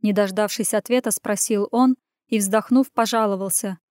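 A woman reading a first-person story aloud as audiobook narration, in an even storytelling delivery. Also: medium pitch, moderate pace, smooth, dry recording, studio quality.

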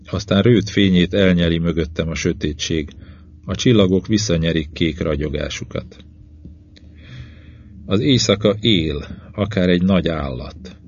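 A man reading a novel aloud in the first person, with measured, even pacing in short phrases. His voice is very deep. The recording is dull and lo-fi. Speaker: audiobook narrator.

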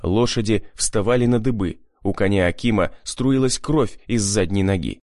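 A man's voice: lowish voice, normal speed, a little mellow, no echo, clean studio sound. A man reading an adventure novel aloud in first person, with dramatic, tense storytelling. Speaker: audiobook narrator. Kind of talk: scripted first-person narration.

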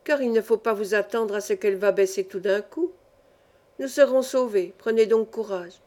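A woman reading an old mine foreman, calm. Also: mid-range voice, moderate pace, close to an everyday voice. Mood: reassuring.

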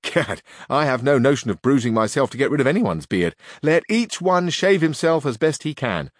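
A man's voice: mid-range voice, animated, normal speed, dry recording, studio quality, lightly acted. A man reading aloud and voicing a blunt, stubborn peasant squire who grumbles. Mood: grumbling. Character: complaining stubborn peasant squire, male, middle-aged. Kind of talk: audiobook reading.

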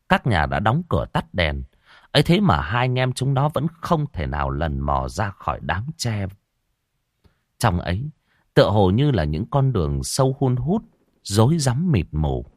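Deep dramatic man telling a ghost story, voice swings a lot, dry close mic. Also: no room sound. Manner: dramatic, expressive. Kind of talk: scripted horror narration.

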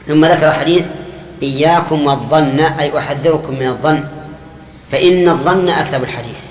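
Older sheikh, lesson style, term-by-term explainer, echoey long-reverb hall. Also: male voice, fairly high pitch, fairly quick. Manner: explains term by term, quizzes students, Gulf colloquial asides. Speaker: sheikh teaching hadith commentary. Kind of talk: classical lesson explaining a hadith. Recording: echoey hall, faint room hiss.

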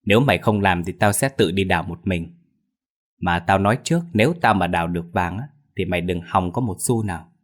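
A man's voice: sits low, fairly quick. A man doing a foul-mouthed crude village thief. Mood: scolding. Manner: loud, cursing, scolding.

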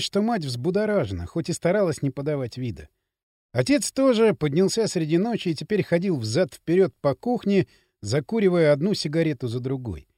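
A male audiobook narrator with an expressive, dramatic delivery. His pitch sits a bit high and moves widely, and his tone is dark and mellow. The recording is dry, with no room sound. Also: no echo. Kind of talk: scripted narration.

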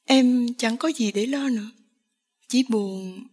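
A woman's voice: on the high side, slow, a little mellow, breathy edge. Woman reading as a tearful young village girl. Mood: sad tearful. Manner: tearful, pleading.

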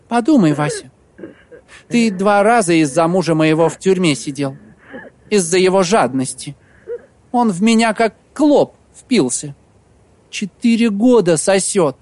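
Мужчина читает за расчётливую озлобленную молодую жену хозяина, уговаривая холодно и настойчиво. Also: male voice, sits high, lively intonation, a little slow, pauses often, a little mellow, voice pushed up. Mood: persuasive. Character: scheming bitter young woman, innkeeper's wife.

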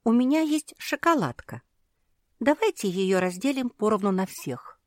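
A woman voicing a kind, polite seamstress who talks gently. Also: mid-range voice, expressive, moderate pace, dry recording, studio quality, voice pushed up, close to an everyday voice. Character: kind, practical female seamstress, gentle caretaker.

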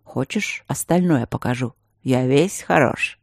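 Woman doing a calm, teasing male mage. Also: rumbling low, measured pace, husky, dry recording, clean studio sound, voice pushed down, heavily acted. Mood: quiet teasing. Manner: patient, gently mocking, lecturing.

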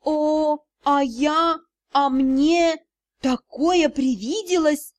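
A fussy older lady secretary in a fantasy storybook, shrill and easily flustered, her voice climbing very high. A woman narrator acts her out. She speaks with a loud, accusing edge. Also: drawn-out words, dry recording. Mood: dazed.

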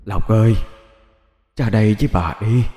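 A man voicing a ghostly fake grandmother who calls out slowly and softly. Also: fairly low pitch, reverberant, long reverb tail, a little hiss or hum, natural voice. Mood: eerie coaxing. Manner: slow, soft, drawn-out calling.

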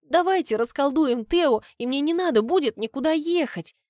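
A woman's voice: sits high, lively intonation, a little slow, no echo, studio quality, voice pushed up. A woman voicing a spirited, stubborn young noble girl who speaks impulsively and emotionally. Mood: upset, defiant.

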